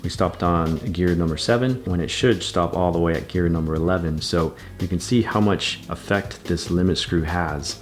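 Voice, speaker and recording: A man's voice: deep voice, normal speed, few pauses, faint music behind. A man giving a patient, methodical bike repair tutorial, talking through each step as he works. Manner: patient, methodical, repeats steps.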